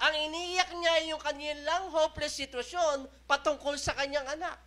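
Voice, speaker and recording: Preaching slowly and emphatically, with intensity that swells and ebbs, a Filipino-accented pastor switches between Tagalog and English and keeps asking "okay?". His voice is very high-pitched, sharp, and steady in tone.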